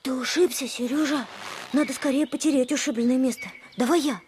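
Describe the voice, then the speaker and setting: A woman playing an eager, tender-hearted young boy in a radio drama, with a breathless, excitable delivery. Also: high-pitched, a little fast, noisy background, natural voice. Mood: concerned.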